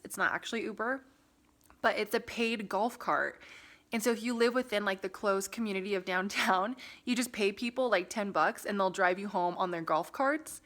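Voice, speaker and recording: A woman's voice: medium pitch, fairly bright tone. Young woman vlogger, chatty, filler-heavy, casual storytelling, phone camera. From Las Vegas, USA. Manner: chatty, lots of "like" and "um", laughs often.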